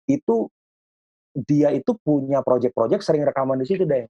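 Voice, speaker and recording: A man settles into a long personal anecdote as a guest. His talk is relaxed and slangy, at a middling pitch. The recording sounds dull and lo-fi. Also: moderate pace. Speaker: guest musician, pianist. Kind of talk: casual interview storytelling. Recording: dull lo-fi audio.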